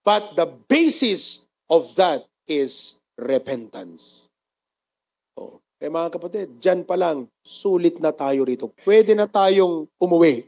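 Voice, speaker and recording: Filipino male pastor, high voice, sermon with storytelling, swings between loud bursts and soft asides. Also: slow pace, gravelly. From Philippines. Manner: storytelling, mixing Tagalog and English, lively bursts then soft asides.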